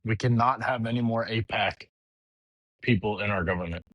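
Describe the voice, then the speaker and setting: Blunt, profane man with a very low voice. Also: moderate pace, no room sound, dull audio. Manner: blunt, profane, heated, restarts a lot. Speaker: podcast host. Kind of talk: casual political rant.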